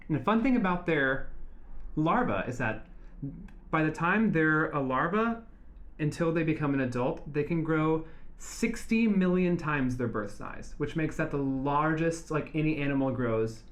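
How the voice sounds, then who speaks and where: A man's voice: on the high side, expressive, measured pace. A man on a casual podcast, eagerly explaining animal facts with jokes. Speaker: guest.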